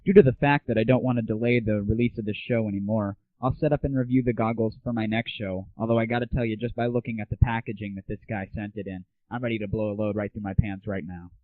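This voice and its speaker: In a fast, fairly even delivery with hardly any pauses, a lowish-voiced man runs his own internet audio show. His casual scripted talk on games and the internet is crude, sarcastic and irreverent, captured as dry, muffled 1990s lo-fi audio without echo.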